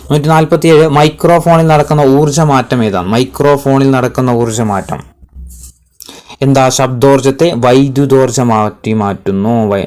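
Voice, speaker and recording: A man reads exam-prep quiz questions at a middle pitch, saying each one twice. He then gives every answer slowly and firmly, like a tutor drilling students. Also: darkish tone.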